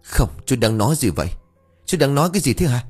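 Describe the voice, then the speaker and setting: A man's voice: mid-range voice, very animated, fairly quick, a little mellow, slightly rough, faint music behind. A man voicing a frightened older brother who begs and pleads through tears. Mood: pleading. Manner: begging, tearful pleading.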